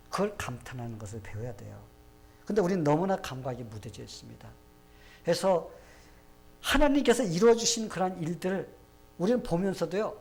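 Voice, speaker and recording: A man's voice: high voice, gravelly, darkish tone. A man preaching a sermon as pastor, emphatic and conversational, often speaking directly to the congregation.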